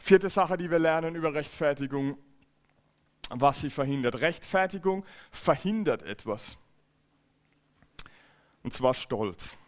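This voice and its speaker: A man's voice: fairly high pitch, animated, a little slow, pauses often. A man preaching a church sermon, earnest and emphatic, often repeating and restarting phrases. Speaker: pastor. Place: church service.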